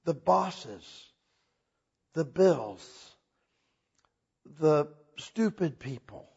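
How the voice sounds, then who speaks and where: A man preaching a sermon in a church hall, animated and casual, mixing jokes into his message. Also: fairly high pitch, drawn-out words, vocal fry, slightly rough, muffled recording. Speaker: pastor.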